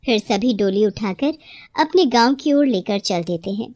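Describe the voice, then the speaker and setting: A woman narrating a cartoon story in a steady storytelling way. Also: mid-range voice, normal speed, dry recording.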